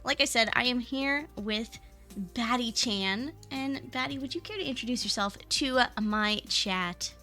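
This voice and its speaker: A woman's voice: a little high, unhurried, pushed and bright. A woman hosting a casual livestream chat as a VTuber, with a bubbly, cute anime-streamer delivery. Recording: music behind the voice. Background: music.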